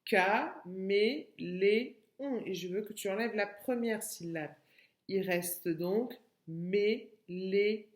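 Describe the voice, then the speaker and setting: Slow, patient woman teacher in a roomy space. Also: mid-range voice, darkish tone. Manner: slow, patient, repeats words and syllables. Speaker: kindergarten teacher. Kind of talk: remote lesson for young children. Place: home room by a window.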